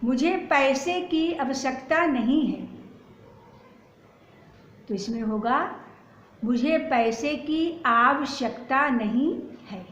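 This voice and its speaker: A woman teaching a grammar lesson for exam preparation, saying each sentence slowly and then repeating it in its corrected form. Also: a little high, slight background noise. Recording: slightly dull, roomy lo-fi recording.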